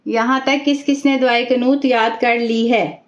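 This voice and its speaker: A woman teaching an online class, reciting each sound slowly and carefully. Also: fairly high pitch, steady tone. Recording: echoey dull room audio.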